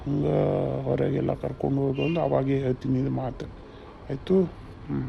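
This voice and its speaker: A man playing a gravelly pleading young son. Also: medium pitch, level tone, brisk, muffled recording, slight background noise. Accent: North Karnataka Kannada. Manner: hesitant, pleading. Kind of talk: comedy skit acting.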